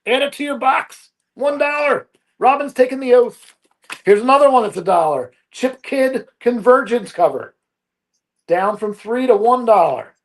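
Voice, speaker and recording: High-pitched man pitching comics. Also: lively intonation. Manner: upbeat, brisk salesman patter. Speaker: comic book seller on a live auction. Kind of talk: live sales pitch.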